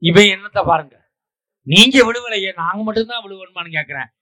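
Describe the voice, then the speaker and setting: Guy judging a comic debate on stage, fires back deadpan one-liners fast. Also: high voice. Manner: quick deadpan comebacks, mock proverbs. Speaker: debate judge.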